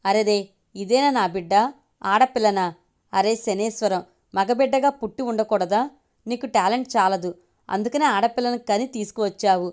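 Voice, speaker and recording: A woman's voice: medium pitch, a little fast, smooth, natural voice. Woman narrator voices harsh greedy husband, scornful, demanding; storybook reading.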